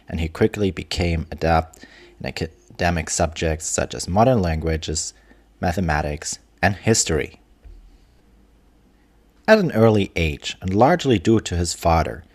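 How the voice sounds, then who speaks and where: A man with a deep voice and a German accent narrates history from a script. He reads in a measured way as the host, now and then stumbling over a word. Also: a little mellow.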